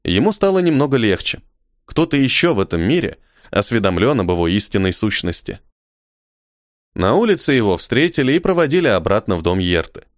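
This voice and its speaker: Guy reading a fantasy audiobook, really lively up and down voice, dry close sound. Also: fairly low pitch, fairly quick, dry recording. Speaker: audiobook narrator. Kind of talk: scripted narration.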